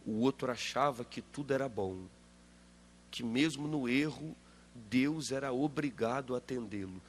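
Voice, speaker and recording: A male pastor preaching a sermon, driving his points home with rapid rhetorical questions and loud emphatic peaks. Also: medium pitch, slight background noise.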